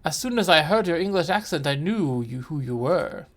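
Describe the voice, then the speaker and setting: A streamer voicing a friendly male university professor in a horror game, reading his welcome warmly. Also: medium pitch, animated, moderate pace. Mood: welcoming. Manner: warm welcome.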